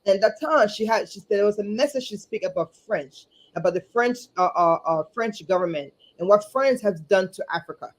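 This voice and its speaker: A woman from Liberia, speaking earnestly as a guest over a video call, often repeating words and pausing on fillers. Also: mid-range voice, expressive. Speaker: guest, community advocate and chapter chair. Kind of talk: livestream interview.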